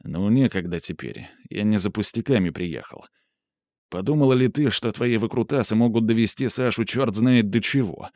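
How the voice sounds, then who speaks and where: A man's voice: on the low side, moderate pace, a little mellow, no room sound, studio quality, natural voice. A man doing a stern domineering young man. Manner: harsh, commanding, scolding.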